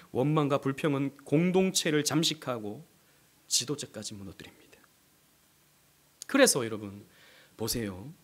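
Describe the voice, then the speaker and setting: A male pastor preaching a sermon with passion, asking the congregation rhetorical questions and swinging between loud outbursts and hushed asides. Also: mid-range voice, slightly rough.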